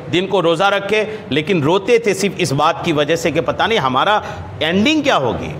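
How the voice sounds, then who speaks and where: Animated high-voiced male preacher in a reverberant hall. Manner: chants Arabic hadith text slowly, then explains it in lively repetitive speech; asks rhetorical questions and repeats key phrases. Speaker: religious scholar and preacher. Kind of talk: hadith lesson sermon. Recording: long hall reverb, faint background noise.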